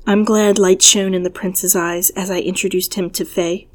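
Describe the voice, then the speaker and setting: A woman narrating an old-fashioned story in a measured, storytelling way. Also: on the low side, flat delivery. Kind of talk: storybook reading.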